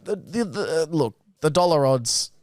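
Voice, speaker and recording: A man's voice: a little high, expressive, moderate pace, a little mellow, dry recording, studio quality. An Australian man hosting a podcast in casual chat, speaking bluntly in slangy Aussie lad talk. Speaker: podcast host.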